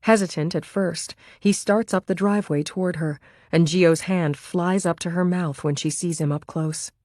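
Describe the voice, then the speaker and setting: Low-voiced woman narrating a thriller. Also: steady tone, normal speed, darkish tone, dry recording, studio quality. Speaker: audiobook narrator. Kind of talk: scripted narration.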